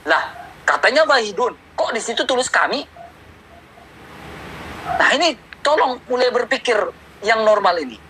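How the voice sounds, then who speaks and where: A man's voice: very high-pitched, expressive, normal speed, pauses often, bright, forceful tone, slight background noise, low-quality recording. A man challenging a religious teacher in a taunting, repetitive, mocking way. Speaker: debate challenger. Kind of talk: provocative debate challenge.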